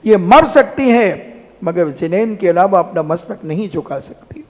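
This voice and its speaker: Casting: high-pitched male monk preacher, animated and scolding, in an echoing hall with dull sound. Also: normal speed. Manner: animated, rhetorical scolding with mimicry. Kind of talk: sermon.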